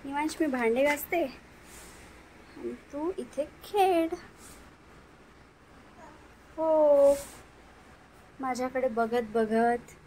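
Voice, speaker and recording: A woman's voice: high voice, extremely slow, long pauses, mellow, a little hiss or hum, rough recording. A young mother with a Marathi accent, talking in singsong baby talk to her infant at home while she films on a phone. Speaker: mother and vlogger. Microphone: phone camera.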